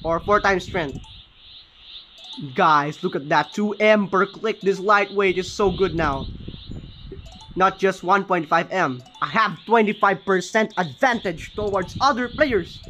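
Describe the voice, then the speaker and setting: A man giving casual, excited gameplay commentary, often stopping to correct his own words. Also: high-pitched, unhurried, soft background music. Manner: excited, often corrects himself mid-sentence. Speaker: gaming channel host.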